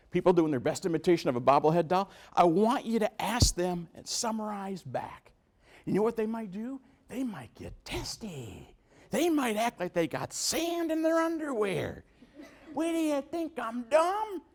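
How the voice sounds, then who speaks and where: Man, motivational speaker, high voice, lively swinging pitch, quizzes the crowd. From New York. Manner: animated, asks the audience questions, acts out quotes. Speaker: speaker at a business meeting. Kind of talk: motivational speech.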